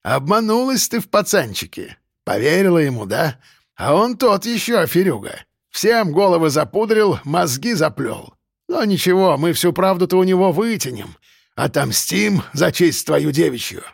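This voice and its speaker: A man's voice: on the high side, very animated, moderate pace, creaky, no echo, voice pushed up, full character voice. Sneering criminal boss, mocking and crude, a male reader doing it, dry close read. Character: menacing gang boss, older man, sneering.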